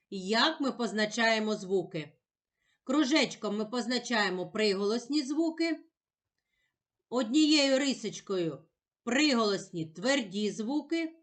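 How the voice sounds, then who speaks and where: A woman teacher giving a patient, encouraging lesson for young children, sounding words out slowly and carefully. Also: a little high. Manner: slow, carefully sounded-out speech.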